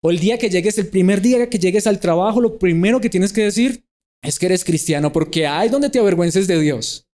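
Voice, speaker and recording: A middle-aged man gives a sermon in a church, putting question after question to his listeners. His voice sits a little high for a man but has a dark, mellow tone. He slips into the voices of the people he quotes. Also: fairly quick. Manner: asks the listeners many rhetorical questions. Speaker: preacher.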